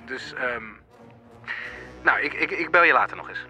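A man in film dialogue, first hesitating through a voicemail full of fillers, then talking bluntly and forcefully. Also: mid-range voice, expressive, normal speed, soft background music. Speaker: caller leaving a voicemail, then conversation partner.

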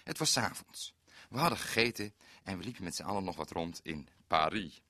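A man's voice: low voice, expressive, a little fast, pushed and bright, no echo, clean studio sound, heavily acted. An actor playing a naive, bumbling male forest ranger in a radio comedy monologue, with fussy, odd exclamations. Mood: bemused. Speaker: comic storyteller.

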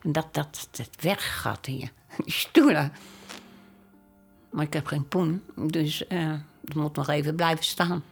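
An older woman, a widow, speaking plainly and haltingly in a candid documentary interview, often stumbling and repeating words. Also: sits low, steady tone, slightly rough, faint music behind.

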